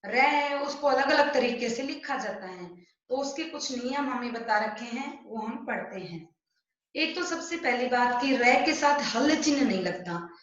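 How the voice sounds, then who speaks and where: A woman teacher with a slightly high voice talks slowly and patiently, explaining each step and asking her pupils questions. Her voice rings with heavy echo in a bare room. The sound is dull and muffled, like a home recording. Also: animated. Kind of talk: online Hindi grammar lesson.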